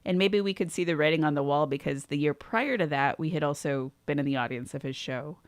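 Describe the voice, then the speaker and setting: A woman's voice: sits low, a little fast, no echo. A woman co-hosting a casual live podcast, teasing her co-host dryly and laughing often.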